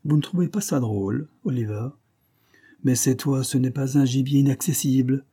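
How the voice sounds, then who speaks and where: A man voicing a gruff, boastful aging police commissioner in an audiobook, speaking raised and emphatic with a sardonic edge. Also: medium pitch, moderate pace, mellow, pitched above the performer's own voice, close to an everyday voice.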